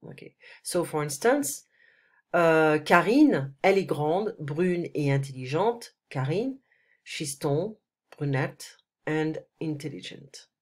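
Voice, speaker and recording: A French tutor with a deep, slightly mellow voice speaks slowly but animatedly in a one-on-one screen-recorded lesson, stuffy from a cold. Captured on a computer mic, she patiently mixes French and English and keeps asking "ok?"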